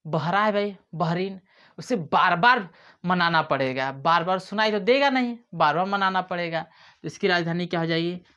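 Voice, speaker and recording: A man's voice: sits high, moderate pace, bright, forceful tone, clear, resonant tone. A man teaching memory tricks in a playful way, acting out little scenes as he explains. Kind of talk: mnemonic lesson to camera. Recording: dull lo-fi sound.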